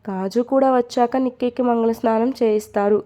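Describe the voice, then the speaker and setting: Woman storyteller, storybook narration, fairly high voice, mellow, steady expressive reading. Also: a little fast.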